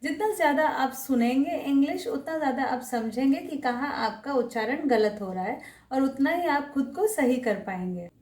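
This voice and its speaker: A woman teaching pronunciation in a slow, deliberate lesson, carefully repeating each word. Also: sits high, lively intonation, a little mellow, reverberant, recorded from a distance. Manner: repeats each word carefully, mixing Hindi with English terms.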